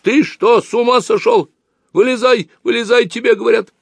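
A man playing a shrill, flustered young train conductor. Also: big pitch swings, moderate pace, dry recording. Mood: tearful scolding. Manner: shouting, tearful scolding.

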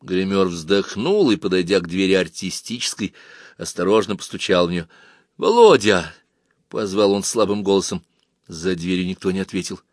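A man narrating a story aloud with expressive, animated reading. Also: low voice, moderate pace, no echo, clean studio sound.

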